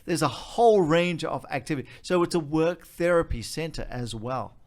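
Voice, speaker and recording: A man's voice: a little high, moderate pace. Australian-accented man explaining things step by step. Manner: explains step by step, emphasizing and repeating key points. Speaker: charity leader being interviewed. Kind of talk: explanatory interview talk.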